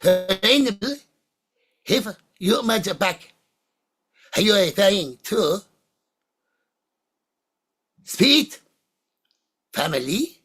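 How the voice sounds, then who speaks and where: Husky, halting seance medium in trance, sex ambiguous. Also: mid-range voice, fairly bright tone. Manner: halting, deliberate phrasing in short fragments, oracular. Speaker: trance medium channelling spirits. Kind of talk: trance channelling talk in the manner of a seance medium, answering questions.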